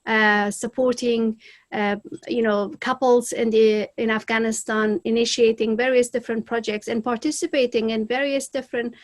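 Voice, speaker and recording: A woman's voice: a little high, level tone, normal speed. A woman hosting an interview, polite and formal, with some filler words. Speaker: interview host.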